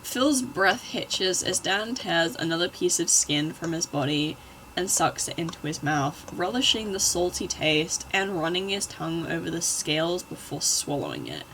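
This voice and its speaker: A woman's voice: lowish voice, big pitch swings, moderate pace, a bit bright, a little hiss or hum, poor audio. A woman at home reading fanfiction aloud, breaking off for wry, exasperated asides. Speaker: channel host.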